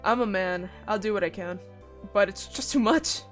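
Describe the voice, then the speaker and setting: A woman's voice: mid-range voice, normal speed, soft background music, lightly acted. A woman reading the lines of a wry, slightly flustered teenage boy in her own voice.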